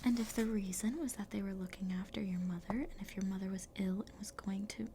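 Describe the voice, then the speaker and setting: Storybook boy, unhappy and worked up, hushed whisper; woman reader voicing him, slight rasp. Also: medium pitch, fairly even intonation, a little fast, noisy background, lightly acted. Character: miserable, wound-up young boy.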